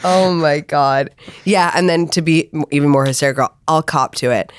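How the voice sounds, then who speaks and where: A woman's voice: low voice, moderate pace, no room sound. Chatty young woman podcast host. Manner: animated, self-mocking storytelling. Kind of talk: casual chat.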